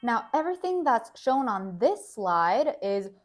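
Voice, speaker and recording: A woman's voice: a little high, sing-song, a little slow, faint music behind. Woman teaching a final consonant pronunciation drill. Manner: instructional, says drill words twice in isolation. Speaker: Korean language teacher. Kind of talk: pronunciation lesson with final consonant drill, reading example words one by one.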